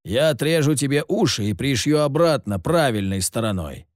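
A man voicing a sick, sardonic grown man who hides in the dark and curses with Spanish words. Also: mid-range voice, very animated, moderate pace, dry recording, clean studio sound, lightly acted. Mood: gruff. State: ill, coughing.

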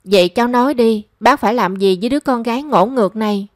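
A stern older mother speaks with cold, reproachful bitterness, voiced by a woman reading the story. Her voice sits somewhat high and sounds close and dry. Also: fast, dry recording, lightly acted. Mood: bitter, cold.

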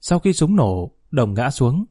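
A man reading a story aloud in a steady, even narrating voice. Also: medium pitch, a little slow, husky, no room sound, studio quality. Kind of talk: scripted narration.

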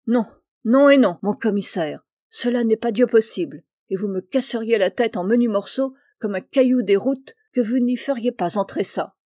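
A woman's voice: medium pitch, moderate pace, warm tone, dry recording, clean studio sound, close to an everyday voice. A woman voicing a stubborn, proud fishing-boat skipper who insists on his point with rustic indignation. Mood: indignant.

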